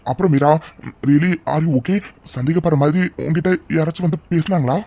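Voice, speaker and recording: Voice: mid-range voice, fairly quick, warm tone, slightly rough, close to an everyday voice. A voice actor playing a protective older brother in a cartoon dub, firm and concerned. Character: protective older brother, stern young man.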